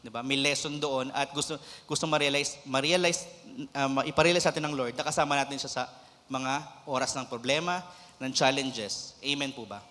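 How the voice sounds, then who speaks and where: A man's voice: mid-range voice, fairly even intonation, a little fast, pushed and bright. A young man preaching a sermon in a church, switching between Tagalog and English and prompting the congregation for amens. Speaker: lay preacher. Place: church sanctuary. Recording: long hall reverb.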